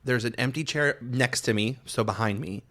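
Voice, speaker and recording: A man co-hosting a podcast, telling a story in animated casual chat, full of fillers and swearing. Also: medium pitch, moderate pace. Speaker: podcast co-host.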